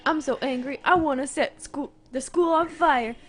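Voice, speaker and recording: Brief: a ranting schoolboy bully from a game, high and furious, as a woman reads him aloud. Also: moderate pace, soft background music, close to an everyday voice. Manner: ranting, over-the-top threats.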